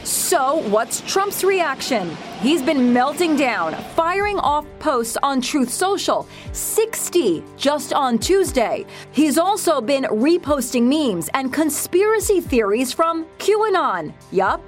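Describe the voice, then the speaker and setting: American female tabloid reporter, high voice, punchy and wry, bit of music behind. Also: big pitch swings, takes it slowly, few pauses. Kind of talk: scripted tabloid news report narration.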